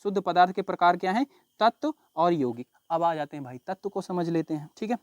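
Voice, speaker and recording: A man's voice: high-pitched, lively intonation, a little fast, no echo, lo-fi sound. A man teaching a science lesson in a casual classroom style, repeating key terms and quizzing his students as he explains. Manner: chatty, calls students bhai and babu log.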